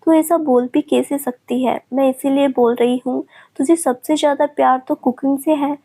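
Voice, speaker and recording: A woman's voice: sits high, fairly even intonation, normal speed, dark tone. A woman narrator voicing a young female friend who scolds and coaxes with care. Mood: caring. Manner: scolding but caring.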